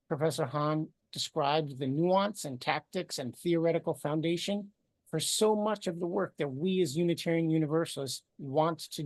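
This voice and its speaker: Brief: man, slightly high voice, dry close sound, earnest host introduction. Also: darkish tone, dry recording. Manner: earnest, measured. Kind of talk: formal introduction.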